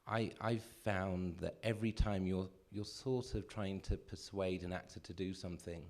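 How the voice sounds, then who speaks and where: A man on a film panel, thoughtful and halting, with a self-deprecating edge. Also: sits low, fairly even intonation, a little mellow. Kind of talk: reflective panel talk. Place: cinema cafe panel.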